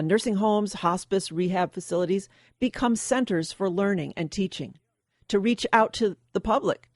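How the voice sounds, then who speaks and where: A woman's voice: mid-range voice, a little mellow, no room sound, clean studio sound. A middle-aged woman hosting a radio show, delivering scripted commentary in a plainspoken storytelling way with sardonic asides.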